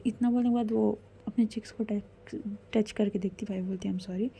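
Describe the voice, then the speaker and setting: Mellow-voiced woman storyteller. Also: mid-range voice, fairly even intonation, brisk, vocal fry, a little hiss or hum. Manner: conversational, self-correcting. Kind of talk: casual story narration.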